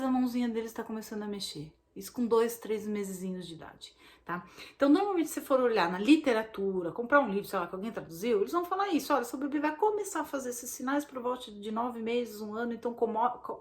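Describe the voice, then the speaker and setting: A woman's voice: on the high side, expressive, fast. A woman with a Brazilian Portuguese accent gives a casual recorded online lesson as a course instructor. She explains things in a chatty way and often checks in with short tag questions. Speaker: baby sign language course instructor.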